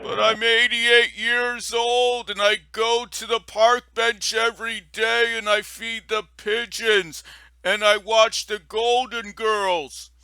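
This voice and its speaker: A man's voice: extremely high pitch, flat delivery, sharp tone, clean tone, full character voice. A man playing a frail eighty-eight-year-old man on a prank phone call, stretching every word out. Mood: pleading. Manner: stretches his words slowly. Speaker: scam baiter. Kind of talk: prank call role-play.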